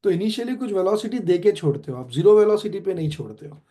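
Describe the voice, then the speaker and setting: A man with an Indian accent teaching physics online, quizzing students with quick questions and switching between Hindi and English. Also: high-pitched, sing-song, mellow. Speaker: physics tutor. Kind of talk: online classroom lecture.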